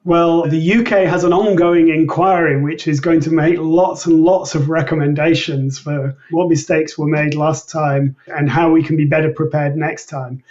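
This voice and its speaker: Over a remote line that sounds distant, dull and lo-fi, a male medical researcher answers interview questions as an expert, explaining things carefully and precisely. His voice is on the high side and a little mellow.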